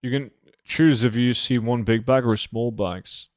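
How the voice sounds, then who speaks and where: A Norwegian game livestreamer chats casually on his stream, blunt and swearing offhandedly. His mid-pitched voice is steady and a little slow. The sound is close and dry, with almost no room and no echo.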